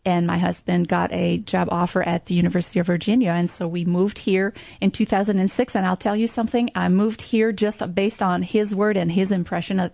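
A tourism marketing guest, a middle-aged woman from Quebec, chats with enthusiasm in an interview, speaking accented English as a second language and often using fillers. She has a mid-range, slightly mellow voice with vocal fry, in a dry recording.

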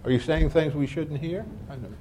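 Speaking into a panel microphone, this former diplomat, an older man, responds to a question from the audience with anecdotes, dry asides, and acted-out dialogue. His pitch sits fairly high and his intonation stays fairly even; he talks a little fast, sounds mellow, and the recording is rough.

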